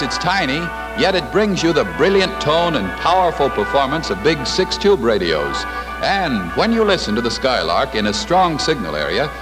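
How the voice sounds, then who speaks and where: A man's voice: a little high, poor audio. A man announcing in a 1950s TV broadcast style, reading scripted advertising in a polished, promotional delivery. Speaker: commercial announcer. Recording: vintage 1950s broadcast, music behind.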